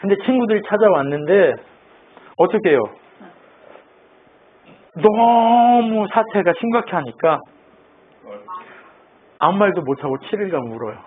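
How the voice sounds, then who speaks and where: Over a thin, phone-like line with a little background noise, a man preaches as a pastor in a high, animated, slightly rough voice. He speaks at a measured pace with long pauses, putting questions to his congregation and supplying the answers himself.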